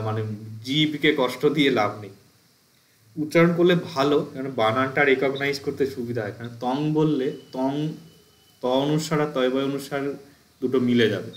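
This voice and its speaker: A man's voice: mid-range voice, roomy sound. A man teaching a grammar class for exam preparation, patiently explaining step by step and reciting verb forms as drills.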